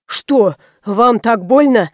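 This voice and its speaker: A woman reading an audiobook voices a fussy, ceremonious old male obstetrician who speaks slowly and formally. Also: fairly high pitch, lively intonation, no echo, clean studio sound. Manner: slow, formal and courtly.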